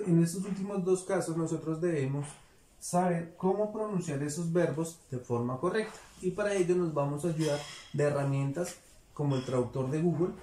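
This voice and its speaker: In an echoey room with a little background noise, a man with a warm voice on the high side patiently explains English grammar. He keeps checking that students are keeping up, saying "¿listo?" again and again.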